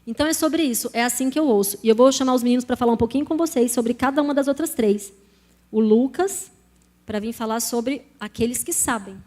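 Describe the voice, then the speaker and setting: A woman's voice: a little high, a little fast, dark tone. A Brazilian woman preaching in Portuguese to a congregation, telling her own testimony in a conversational way and speaking to them directly. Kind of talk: sermon with personal testimony.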